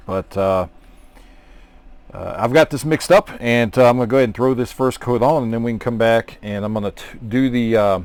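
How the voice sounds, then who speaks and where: A man casually narrating his scale model painting, talking in a relaxed, rambling way with many fillers. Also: fairly low pitch. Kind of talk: casual hobby tutorial narration.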